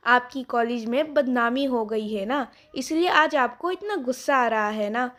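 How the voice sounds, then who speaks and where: Woman reading a stubborn spoiled young girl, talking back, high voice. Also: a little slow, fairly bright tone. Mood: defiant. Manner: defiant, complaining. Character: defiant young woman, spoiled rich daughter.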